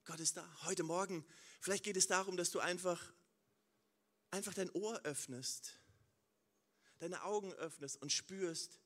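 A man delivers a sermon with a high, bright voice. He asks his congregation direct questions and moves between hushed, prayer-like moments and loud exclamations. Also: a little slow, long pauses. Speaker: preacher.

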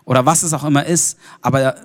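A man from Germany preaches a casual sermon with lively, slangy interjections. His voice sits a little high, and a long hall reverb trails behind each phrase. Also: fast.

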